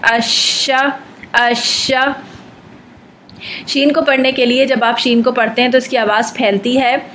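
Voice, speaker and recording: A woman teaching a recitation lesson, explaining patiently and drawing out model syllables slowly. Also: a little high, a bit bright, slight background noise, low-quality recording.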